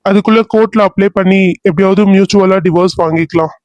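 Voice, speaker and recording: A man voicing a gentle, apologetic young man who talks reassuringly in a cartoon serial. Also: high voice, steady tone, quick pace, dry recording, lo-fi sound, lightly acted. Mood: earnest.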